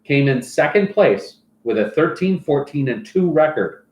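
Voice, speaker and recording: A man's voice: fairly high pitch, expressive, unhurried, a little mellow. Man reading a joky fantasy league report. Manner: jokey, recites stats and mock sponsor plugs. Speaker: fantasy football league commissioner. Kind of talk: casual report with banter. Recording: roomy echoey room.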